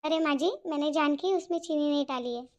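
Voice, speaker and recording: A woman's voice: high-pitched, a little fast, muffled recording, natural voice. A woman voicing a cheeky young daughter-in-law. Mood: pleading. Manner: polite, teasing replies. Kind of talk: cartoon voice acting.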